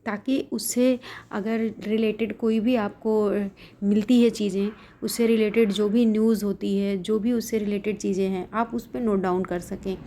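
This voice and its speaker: A woman vlogging about exam preparation, giving motivational study advice in a casual way, speaking quietly on a home veranda at night so as not to wake her family. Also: mid-range voice, steady tone, moderate pace. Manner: speaks softly at night to avoid waking family. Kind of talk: casual study vlog narration. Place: open veranda at home at night, fan running.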